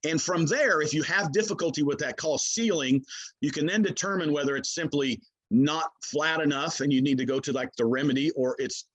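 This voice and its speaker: A man's voice: medium pitch, husky, muffled recording. A man explains his products in a casual interview, talking in a folksy, hesitant way as he works through the details. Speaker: game call maker, product expert.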